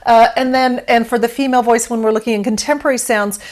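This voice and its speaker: A woman's voice: fairly high pitch, fairly even intonation, fast. A woman guest on an interview, explaining singing technique in a conversational way, with frequent fillers and easy laughter. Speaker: vocal pedagogy specialist guest.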